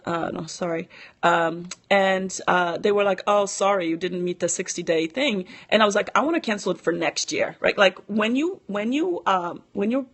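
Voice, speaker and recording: A middle-aged woman giving casual, chatty money advice on a live stream, with many fillers, stopping now and then to answer viewer comments. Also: lowish voice.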